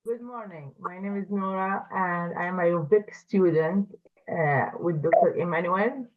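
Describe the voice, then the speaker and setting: A woman student introducing herself softly and unhurried in an online class. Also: lowish voice. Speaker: university student. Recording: tinny phone-like call audio.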